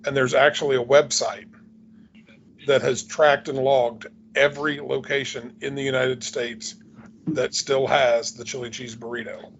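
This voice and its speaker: A man in his forties explains things in a relaxed, casual chat, with a gravelly, creaky voice. The sound is muffled and lo-fi, with a faint hiss in the background. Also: mid-range voice, measured pace. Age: 40s. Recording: dull lo-fi sound with faint noise.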